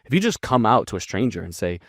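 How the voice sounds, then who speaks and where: A man's voice: lowish voice, big pitch swings, quick pace, no echo, clean studio sound. A man teaching copywriting in a casual breakdown, talking bluntly and swearing freely. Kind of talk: casual screen-share breakdown.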